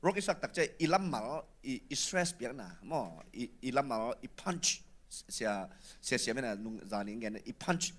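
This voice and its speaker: Lively bright-voiced man chatting. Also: medium pitch, a little fast. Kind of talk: casual chat.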